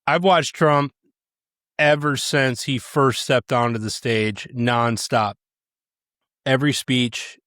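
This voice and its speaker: A man co-hosting a podcast in a middle-pitched voice. He argues, interrupts and lectures in a casual debate. The sound is close and dry. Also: a bit bright, no room sound. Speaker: podcast co-host.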